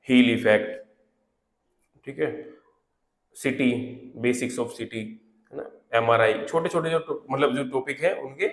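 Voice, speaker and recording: A man giving exam preparation tips in a casual, conversational way, often adding little check-in fillers. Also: mid-range voice. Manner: conversational, repeats fillers like "theek hai" and "hai na"; reads English notes aloud slowly, word by word. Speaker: exam prep teacher. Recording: echoey room.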